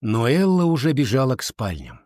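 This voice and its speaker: A male narrator reads a children's fantasy book in a measured, steady storytelling voice. His pitch sits in the middle of the range. The recording is close and dry, with no reverb. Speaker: audiobook narrator. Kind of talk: scripted narration.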